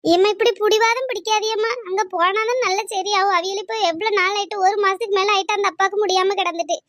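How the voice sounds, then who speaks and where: A woman plays a caring young neighbour in a cartoon who coaxes and reassures an old couple, speaking. Her voice is very high and fast, recorded close and dry. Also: fairly even intonation, a bit bright, dry recording. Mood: reassuring. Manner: coaxing and reassuring.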